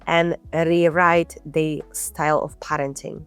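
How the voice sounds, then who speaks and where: A woman's voice: low voice, flat delivery, slow pace, clean tone, faint music behind. A woman podcast host asking her guest a question. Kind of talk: podcast interview.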